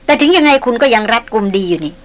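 Brief: woman reading frank, teasing young woman, brisk and high. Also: sing-song.

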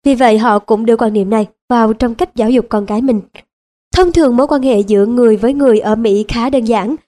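A woman narrating an audiobook in a calm, measured read. Her pitch sits somewhat high. Her tone is soft and mellow, with no edge. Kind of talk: scripted narration.

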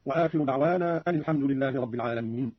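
A man's voice: mid-range voice, husky, dry recording, highs cut off. A man giving a formal, precise broadcast explanation of recitation readings, heard on an old archival radio recording. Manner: measured, scholarly, precise phrasing.

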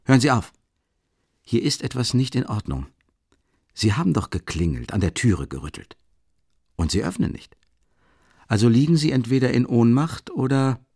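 A man voicing an eager, excitable young man who talks quickly and insistently in an audiobook. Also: medium pitch, vocal fry, husky, no room sound, studio quality, pitched above the performer's own voice, heavily acted. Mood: alarmed. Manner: urgent, quick, insistent reasoning.

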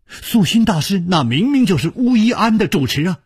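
Young male swordsman hero, read by a man, muttering, sudden exclamations, husky, swinging pitch. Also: sing-song, slow, a little mellow, dry recording, studio quality, full character voice. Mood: startled. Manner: muttering, then bursting into exclamations. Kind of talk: storytelling performance.

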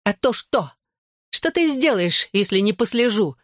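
An audiobook reader voicing a spiteful, mocking teenage schoolgirl in a sneering, shrill voice. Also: very animated, brisk, a bit bright, no echo, studio quality.

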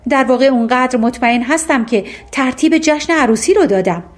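A self-assured suitor from an old fairy tale speaks with steady insistence, as a woman reads him aloud. The voice sits a little high. It is an audiobook telling. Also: natural voice. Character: proud clever ugly fairy-tale suitor, man.

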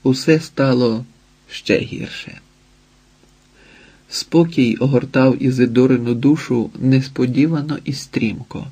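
A man narrating a novel as an audiobook in a measured, expressive reading. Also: medium pitch, slightly rough.

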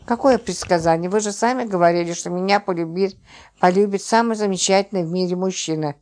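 A jealous, sharp-tongued man with a quick temper, as a woman narrator voices him in an audiobook. The voice sits low and even, the lines come out biting and sarcastic. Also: natural voice. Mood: prickly.

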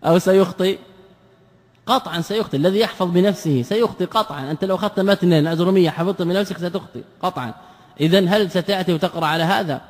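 A man's voice: on the high side, a little mellow. Male scholar giving a lecture, repeating points, long hall reverb. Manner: explains, repeats phrases, asks rhetorical questions. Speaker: Islamic scholar teaching. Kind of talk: classroom lecture.

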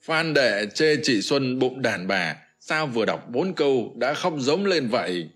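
A man voicing a steady general in an audiobook, speaking in a calm, gently chiding way. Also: medium pitch, measured pace, faint music behind. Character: steady male general, elder comrade. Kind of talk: scripted narration of a historical novel.

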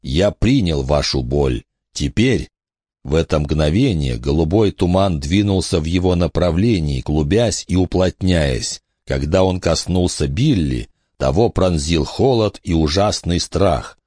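A man narrating an audiobook in an expressive, dramatic storytelling manner. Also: low-pitched, measured pace, few pauses, dry recording, clean studio sound. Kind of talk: scripted narration.

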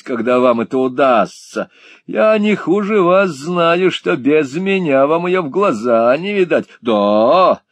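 Male reader as a languid aristocratic schemer for an audiobook, slow drawl with lively pitch swings, dry close sound. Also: dry recording.

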